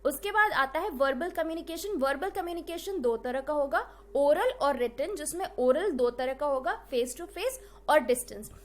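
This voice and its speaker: A woman with a high, light voice giving an exam-prep lecture. She explains ideas through everyday examples and moves easily between Hindi and English. She often checks in with her listeners as she goes. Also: lively intonation, moderate pace, few pauses. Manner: checks in with "right?" and "ठीक है?". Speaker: teacher.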